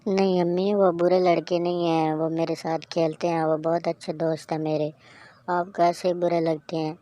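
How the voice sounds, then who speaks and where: A woman's voice: on the low side, level tone, dark tone, close to an everyday voice. A woman voicing a defensive young schoolboy in a cartoon story, pleading his case. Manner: pleading, protests his innocence.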